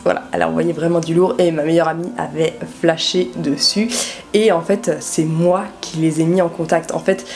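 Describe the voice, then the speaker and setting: Low-pitched young Frenchwoman telling a casual story. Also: fairly even intonation, normal speed, vocal fry, darkish tone. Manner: informal, slangy, addresses the viewer directly. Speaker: vlogger telling a personal story.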